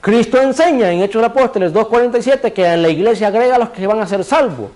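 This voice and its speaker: Male preacher, high voice, sermon delivery, rhetorical questions answered himself, cues a reader to repeat verses. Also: fast talker, darkish tone. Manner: asks the congregation rhetorical questions and answers them; directs a reader to repeat scripture phrases.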